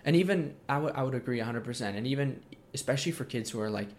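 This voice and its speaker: A man's voice: mid-range voice, racing. A nineteen-year-old man talking casually as an interview guest, with lots of fillers and restarts. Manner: relaxed, many fillers and restarts.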